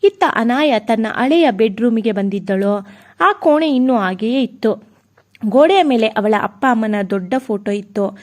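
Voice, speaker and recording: A woman's voice: on the high side, lively intonation, moderate pace, a little mellow. A woman narrating a romantic family drama story in an earnest, dramatic way. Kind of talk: scripted narration.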